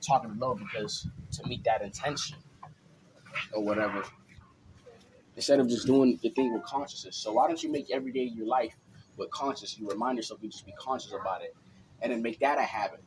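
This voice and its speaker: Casual male vlogger, mid-pitched, loose and rambling with lots of fillers, over a faint hiss. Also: fairly quick. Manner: rambling, filler-heavy, keeps asking "you know what I'm saying". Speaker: spiritual vlogger. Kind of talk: casual motivational talk.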